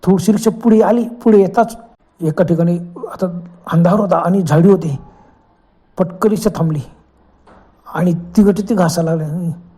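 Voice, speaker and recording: Mellow husky male storyteller. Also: high voice, normal speed, long pauses. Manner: dramatic, exclaiming. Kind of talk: horror story narration.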